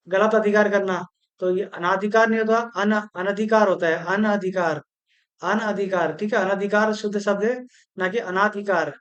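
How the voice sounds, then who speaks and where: A teacher runs an exam-prep grammar lesson in Hindi sprinkled with English words, slowly repeating terms and spelling out their syllables. The voice is medium-pitched and fairly bright, though the audio sounds dull.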